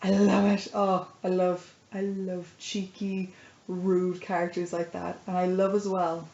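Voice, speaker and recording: A woman's voice: fairly low pitch, completely flat delivery, unhurried, dark tone. An Irish woman chatting casually to her viewers in a rambling, playful, self-deprecating video diary. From Ireland. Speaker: vlogger and writer. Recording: dull lo-fi sound, faint background noise.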